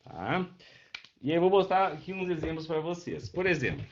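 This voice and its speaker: A man's voice: fairly high pitch, sing-song, moderate pace, a little hiss or hum. Man teaching in a lo-fi online class. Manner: patient, checks in often with students. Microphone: webcam microphone. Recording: dull lo-fi online class audio.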